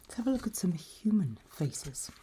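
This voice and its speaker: There's slight background noise as a woman whispers an ASMR roleplay in the role of an examiner. Her lowish, breathy, husky voice has a sing-song lilt at normal speed, and she sounds gentle, reassuring and encouraging.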